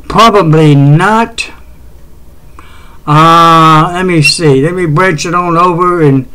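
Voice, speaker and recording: A man's voice: on the high side, poor audio. A middle-aged man with a West Tennessee Southern accent, hosting a casual home weather show, rambling with many fillers and restarts. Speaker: amateur weather show host.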